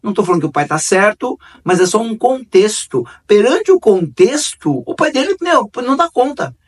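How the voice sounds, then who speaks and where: Guy hosting a chat about forgiveness, swoopy animated voice, bit far from the mic. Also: high-pitched, moderate pace, slightly rough. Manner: conversational, repeats phrases, lively storytelling. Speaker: host. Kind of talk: reflective talk on forgiveness.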